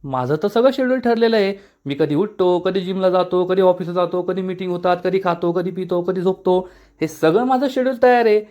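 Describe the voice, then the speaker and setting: Peevish, curt young male CEO, played by a high-voiced narrator. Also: fairly quick, darkish tone, dull audio, close to an everyday voice. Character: stiff, irritable young male company boss.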